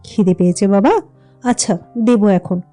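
A woman voicing an anxious, scolding village mother in an audio story, fussy and quick to rise when worried. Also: medium pitch, mellow, soft background music, close to an everyday voice. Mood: tender.

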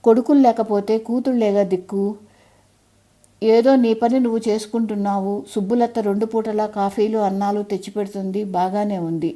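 A woman's voice: medium pitch, steady tone, a little fast, natural voice. Woman voicing a weary, caring daughter of sixty. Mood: pleading. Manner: gently insistent, coaxing.

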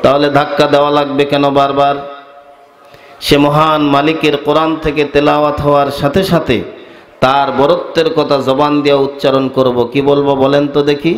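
A man from Bangladesh preaching an outdoor sermon in rhymes, chanting and shouting, calling for loud responses. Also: a little high, flat delivery, normal speed, roomy sound. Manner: rhyming, chanting, drawing loud call-and-response from the crowd. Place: open-air market gathering.

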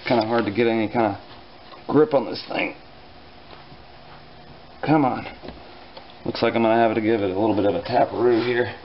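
A man casually explaining a small engine repair in his home garage, relaxed and dryly joking, with plenty of fillers as he works. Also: lowish voice, normal speed, long pauses, muffled recording, a little hiss or hum. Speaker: repair instructor. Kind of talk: casual hands-on repair tutorial.

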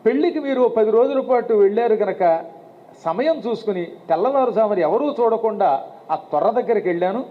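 A man's voice: high-pitched, expressive, a little fast. A man in his fifties voicing a tearful, jealous elderly wife who speaks in a scolding, aggrieved way, as a story inside a sermon. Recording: tinny phone-like sound, faint hiss.

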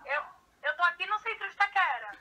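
Bright, high woman on speakerphone. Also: lively intonation, fast. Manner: blunt and impatient. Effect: heard over a phone on speakerphone. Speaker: friend being pranked on a call. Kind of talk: casual phone chat. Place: in her car in a city center.

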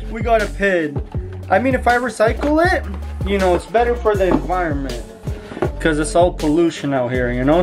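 A high-pitched young man vlogs dramatically over loud background music, gasping and saying "guys" again and again. The YouTuber's excited narration begins outdoors at night and continues in an indoor room.

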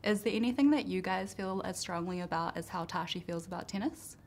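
A woman's voice: lowish voice, a little fast, slight background noise. A woman interviewing actors, asking questions in a friendly, upbeat way. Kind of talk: press junket interview questions.

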